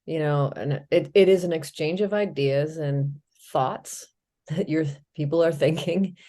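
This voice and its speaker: A middle-aged woman with a low, warm voice co-hosts a casual podcast at an unhurried pace. She talks thoughtfully, listing ideas and using many fillers.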